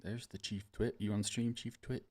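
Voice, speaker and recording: A man's voice: lowish voice, level tone, moderate pace, warm tone. A young man from rural Illinois streaming a game, chatting casually with his viewers while he plays. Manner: chatty, talks to chat while playing. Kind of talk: casual gameplay commentary.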